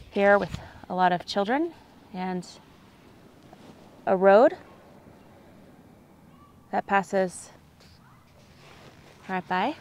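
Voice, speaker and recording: A woman in her thirties performing a comic camping sketch outdoors with a lapel mic, chatty and dramatic, swinging from hushed asides to excited bursts. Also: medium pitch, slight background noise. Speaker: comedy sketch host. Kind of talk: comedic sketch monologue to camera. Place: forest campsite outdoors.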